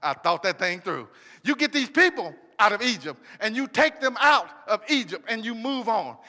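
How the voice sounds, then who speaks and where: A man voicing God as a calm, reassuring male figure who steadily repeats the same promise. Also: sits high, normal speed, in a large hall, full character voice.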